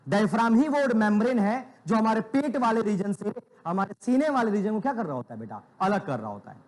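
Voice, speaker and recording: A young man teaches biology in a classroom lecture, and his voice sits high and swoops up and down with animated energy. He keeps firing questions at the class, repeats them, and answers them himself. He calls the students "beta" every few lines. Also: a little fast.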